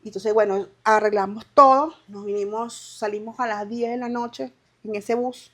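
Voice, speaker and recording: A woman from Venezuela, in her thirties, telling her migration story as an interview guest in halting speech with restarts and quoted dialogue. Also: a little high, steady tone, a bit bright. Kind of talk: emotional personal testimony.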